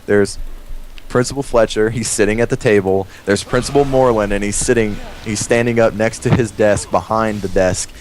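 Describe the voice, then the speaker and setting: The recording is rough as a young man, his pitch fairly low and his speed normal, casually relates a story while playing a game. It's a rambling, profane, animated retelling full of acted-out dialogue.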